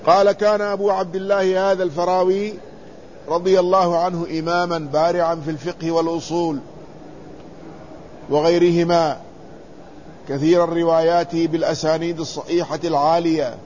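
Guy teaching a lesson, reads old text out loud then explains, asks the class stuff, kinda high voice, muffled lo-fi recording. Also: little pitch movement, brisk. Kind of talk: traditional lesson, reading a text aloud with commentary. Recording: dull lo-fi recording with faint noise.

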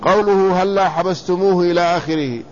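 A man teaching a lesson in classical Arabic, reading quoted commentary and then explaining it, repeating words slowly to spell out their vowels. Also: high-pitched. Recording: slightly dull lo-fi recording with faint room noise.

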